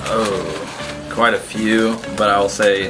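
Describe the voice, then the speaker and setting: A man's voice: on the low side, steady tone, slow, over music. A man co-hosting a casual food review, plain-spoken as he explains what he thinks. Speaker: co-host of a snack review show.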